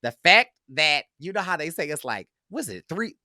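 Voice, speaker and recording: A man co-hosting a podcast, telling stories in an animated, theatrical way. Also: fairly high pitch, normal speed, dry recording, studio quality. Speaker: podcast co-host. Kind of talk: casual podcast chat.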